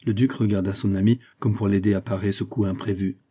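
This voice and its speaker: A man narrating a classic novel as an audiobook, in a steady, measured storytelling voice. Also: lowish voice, breathy edge. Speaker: audiobook reader.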